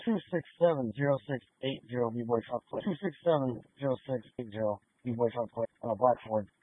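A man's voice: medium pitch, a little fast, breathy edge, no room sound. A man working as a police officer, making terse, matter-of-fact calls from the field over a police radio channel. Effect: police radio transmission. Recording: dry tinny radio channel.

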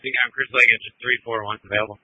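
A man's voice: medium pitch, flat delivery, very fast, dry recording. A man on a fire engine crew speaking over a walkie-talkie, giving clipped, matter-of-fact unit calls in terse emergency radio traffic. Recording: tinny, narrow two-way radio, dry.

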